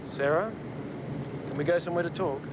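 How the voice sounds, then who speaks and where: A man's voice: on the high side, brisk, dull audio, close to an everyday voice. An actor playing an earnest, lovesick man pleading urgently in a television drama. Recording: noisy outdoor sound with boat engine.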